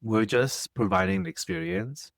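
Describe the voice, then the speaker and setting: A young man co-hosts a podcast in casual, matter-of-fact chat, slipping in teasing remarks. His pitch moves freely over a gravelly texture, and his voice sounds close and dry. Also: lively intonation, moderate pace, no echo. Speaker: podcast co-host.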